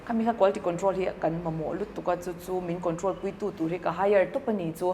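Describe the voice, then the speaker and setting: A woman talking in a relaxed, thoughtful way and mixing in English business terms, recorded in a cafe. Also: fairly low pitch, brisk, long reverb tail, a little hiss or hum. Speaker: entrepreneur guest. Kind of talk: casual conversation.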